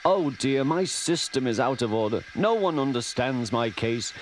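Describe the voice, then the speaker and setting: A man's voice: medium pitch, lively intonation, normal speed, a little hiss or hum, natural voice, low-quality recording. A man voicing a fussy, whining big male engine who moans about his suffering. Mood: moaning. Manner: moaning, self-pitying. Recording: loud music behind.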